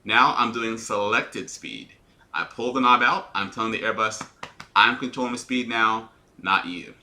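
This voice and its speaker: With a faint hiss or hum in the background, a man who flies airliners explains a simulator's checklist steps to viewers in a fake radio-announcer voice. His delivery is lowish, pushed and bright at normal speed, with the odd small stumble, repetition and restart.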